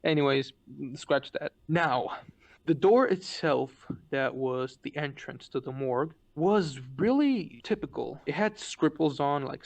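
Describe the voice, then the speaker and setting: Gravelly male storyteller, casual, rambling and profane, lots of false starts. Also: fairly high pitch. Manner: rambling, profane, with frequent restarts.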